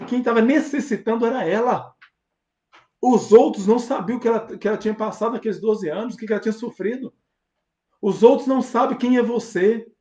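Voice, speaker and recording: A man's voice: sits high, darkish tone. A man with a Brazilian Portuguese accent preaching a sermon as pastor, fervent and emphatic, with rhetorical questions. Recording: roomy, dull lo-fi sound.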